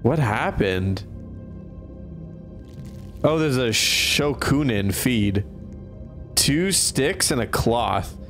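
A man giving live commentary while playing a horror game, his voice jumping all over with excitement. He reacts fast and laughs easily as the game surprises him. Faint game music sits in the background. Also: mid-range voice. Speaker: streamer.

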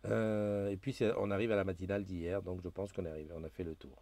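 A man's voice: low voice, little pitch movement, fast talker, mellow, slight background noise. A man hosting a casual live stream, chatting loosely with many fillers and restarts as he reads viewer comments aloud into a new desk microphone. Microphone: new desk microphone being tested.

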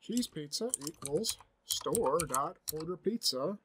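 A man's voice: fairly high pitch, lively intonation, takes it slowly, noisy background. A man in his forties giving a screen-recorded coding tutorial from a home office, thinking aloud as he types, upbeat and chatty. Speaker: programming instructor.

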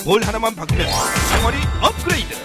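Female voice-over for hard-sell ad, urgent and animated, loud music underneath. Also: quick pace. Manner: urgent, exclamatory sales pitch. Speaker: TV shopping ad voice-over announcer.

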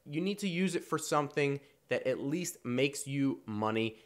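A man's voice: medium pitch, expressive, moderate pace. A man with a cold and a stuffy, nasal voice, hosting a casual explainer on personal finance and talking in a loose, repetitive way with fillers and restarts. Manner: conversational, repeats himself with fillers and restarts. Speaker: finance video host.

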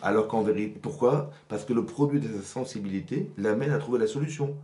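A man giving a religious lesson to women as a rabbi, animated and often checking whether the audience has understood. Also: fairly low pitch, brisk, reverberant. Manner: animated, asks "vous avez compris?" often. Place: rented workshop room.

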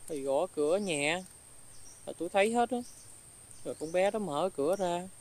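A woman's voice: fairly low pitch, animated, moderate pace, darkish tone. Aggrieved Southern Vietnamese woman storyteller. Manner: indignant, aggrieved recounting. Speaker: storyteller in a ghost film. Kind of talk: first-person dramatic storytelling.

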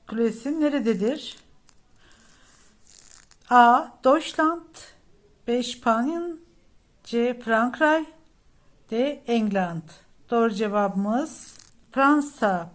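A woman teacher talks through test questions at a slow, deliberate pace. Her voice sits a little high, and she reads each option before giving its meaning. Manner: reads each option aloud, then gives the Turkish meaning. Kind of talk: exam prep lesson walking through test questions.

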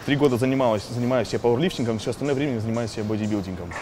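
Young guy in his 20s talking fast to viewers at the gym, faint music behind. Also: medium pitch, darkish tone. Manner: chatty, addresses viewers directly. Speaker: bodybuilder guest. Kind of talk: casual talk to viewers. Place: indoor gym.

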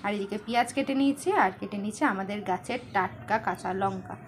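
A young woman, talking fast and chatty in a casual home vlog, teasing her family along the way. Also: mid-range voice, a little hiss or hum. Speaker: vlogger. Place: family home kitchen and garden.

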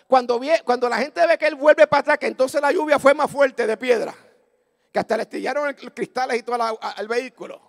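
Man, Pentecostal pastor, fervent storytelling sermon, rising to loud exclamations, very high pitch. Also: brisk, vocal fry. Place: church service.

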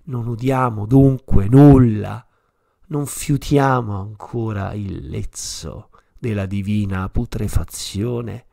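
A man's voice: mid-range voice, creaky, warm tone, no room sound, clean studio sound, full character voice. A man voicing a frantic madman who cries out in anguish, in impassioned declaiming reading. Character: frantic madman proclaiming God's death.

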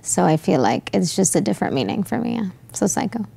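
A bubbly young American woman talks casually about music on a lapel mic in a studio. Her voice sits at an ordinary middle pitch, and she chats freely with plenty of filler words. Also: sing-song, quick pace, gravelly, dark tone, slightly rough. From United States. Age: young adult. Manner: bubbly, chatty, laughs often, many fillers. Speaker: guest pop singer. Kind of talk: casual interview reactions. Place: studio with green and purple backdrop.

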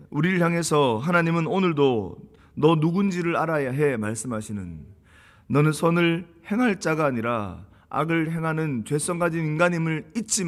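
Korean pastor preaching in a reverberant hall. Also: male voice, fairly bright tone. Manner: earnest preaching, rising emphatic bursts then dropping low. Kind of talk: sermon. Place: church sanctuary.

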